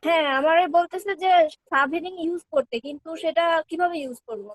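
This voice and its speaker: A woman student in an online class, asking quick puzzled questions from further off the mic. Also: very high-pitched, no room sound.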